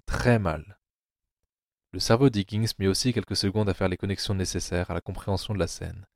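A man reads a novel aloud as an audio drama in a very low, steady voice. The recording is close and dry, with no room sound. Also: no echo. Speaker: narrator.

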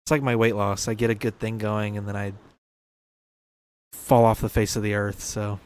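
A man's voice: on the low side, little pitch movement, moderate pace, darkish tone. A young man in his early twenties hosting a casual solo podcast, rambling and correcting himself, laughing at his own remarks. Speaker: podcast host.

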